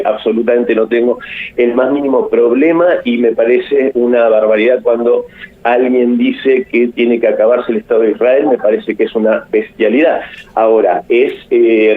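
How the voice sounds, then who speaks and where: Argentine male radio guest, opinionated and hesitant, heard through a thin AM radio phone line. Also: medium pitch. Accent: Rioplatense Argentine Spanish. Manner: opinionated, thinking aloud with frequent hesitations. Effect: phone-line voice heard over AM radio. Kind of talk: radio interview commentary. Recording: tinny narrowband phone line.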